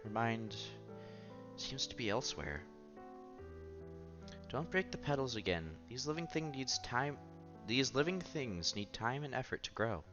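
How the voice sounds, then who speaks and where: A very animated man with a medium-pitched voice streams a visual novel, reading its text aloud without hurrying and adding casual asides and occasional stumbles. The audio is dull and lo-fi, with game music underneath.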